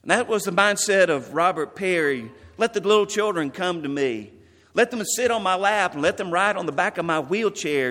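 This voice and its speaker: Man pastor, measured memorial sermon, slightly high voice, reverberant church sound. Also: a bit bright. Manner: earnest, measured, quoting scripture.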